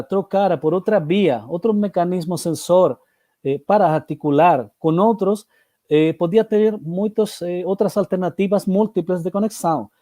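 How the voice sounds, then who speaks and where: A man from Chile, a native Spanish speaker, gives a seminar presentation in halting portunhol, Portuguese with a Spanish accent and Spanish words mixed in. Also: sits high, mellow, dry recording, studio quality. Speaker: academic presenter.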